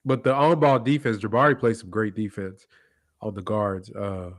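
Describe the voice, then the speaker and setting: A man's voice: fairly low pitch, steady tone, moderate pace, dry recording, studio quality. A man with a stuffy, nasal voice from a cold, co-hosting a casual post-game basketball chat in a laid-back, slangy way full of fillers. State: sick, congested nasal voice. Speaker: co-host of a basketball podcast.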